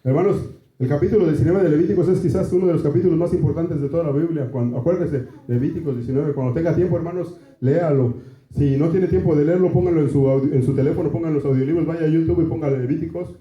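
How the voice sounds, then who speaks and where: A man's voice: fairly high pitch, fast. A Mexican man with a Mexican Spanish accent, a pastor delivering a conversational sermon and often turning to the congregation with asides. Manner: conversational preaching, keeps asking "¿verdad?" and "hermanos". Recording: echoey room, dull lo-fi sound.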